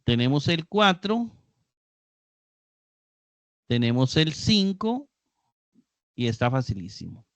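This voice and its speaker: A man's voice: medium pitch, big pitch swings, slow, pauses often, no echo. A man teaching a live Greek class, explaining patiently and repeating key terms. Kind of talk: live online class lecture.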